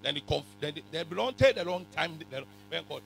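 A man with a West African accent preaching a sermon in a raspy voice, forcefully repeating phrases and questioning his congregation, sometimes in pidgin. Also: fairly high pitch, expressive, fast talker, faint music behind. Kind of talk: animated sermon, code-switching into pidgin. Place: church hall full of congregation.

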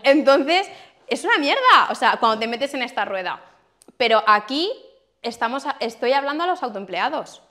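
A woman's voice: high voice, very animated, moderate pace, sharp tone. A young woman with an accent from Spain giving a casual workshop talk, swearing freely and acting out quoted dialogue. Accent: Spain Spanish. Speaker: workshop speaker.

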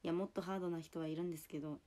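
Young Toyama-accented woman, husky lowered voice, chatty and apologetic. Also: fairly even intonation, rapid-fire, warm tone. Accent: Toyama dialect. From Toyama, Japan. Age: 20s. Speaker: idol livestreamer. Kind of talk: casual livestream chat.

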